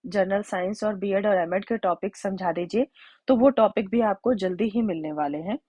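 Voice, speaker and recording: A woman teacher explaining a grammar lesson, spelling out examples slowly and repeating them. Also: mid-range voice, warm tone, no room sound. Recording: dull lo-fi sound.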